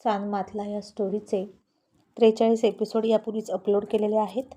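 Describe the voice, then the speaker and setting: A woman storyteller narrating a serialized tale in a calm, measured manner. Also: mid-range voice.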